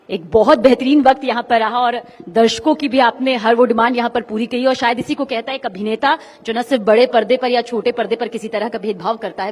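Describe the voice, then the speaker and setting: A woman hosting an event on stage, praising the guest in formal, flowery words. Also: fairly high pitch. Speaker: event host. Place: large hall on stage. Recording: long hall reverb.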